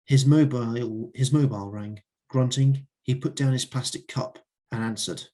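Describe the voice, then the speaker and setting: A man's voice: mid-range voice, normal speed, warm tone. A man reading his own fiction aloud at an open mic night in a wry storytelling manner.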